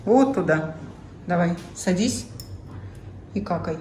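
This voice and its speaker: A woman's voice: fairly low pitch, expressive, a little slow, mellow. A woman talking casually to a pet, coaxing and encouraging it with short repeated instructions. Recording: echoey room, faint noise.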